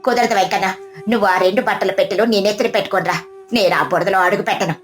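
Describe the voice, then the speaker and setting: A woman's voice: medium pitch, fast, faint music behind, natural voice. Woman voicing a sneering rich lady. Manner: sarcastic, scornful.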